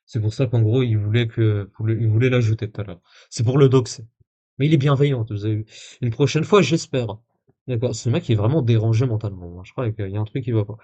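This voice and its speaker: A man talks through a live stream in a casual, rambling way, full of filler sounds and restarts. His pitch sits in a middle range for a man, and he drops sarcastic remarks between the messages he reads. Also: quick pace, mellow, muffled recording.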